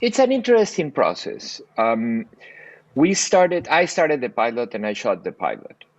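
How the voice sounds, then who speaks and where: An older man from South America, a cinematographer telling stories on a video call interview, animated with frequent restarts. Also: unhurried, no room sound, lo-fi sound. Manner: animated storyteller, lively pitch swings, frequent restarts. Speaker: cinematographer guest. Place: bright home room by window. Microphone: earbuds on video call.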